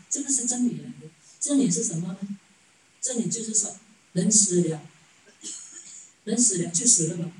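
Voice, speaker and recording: A woman's voice: medium pitch, mellow, slight background noise. A woman giving a Buddhist sermon as a story, chuckling often and asking rhetorical questions. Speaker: Buddhist dharma teacher. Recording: echoey room, distant mic.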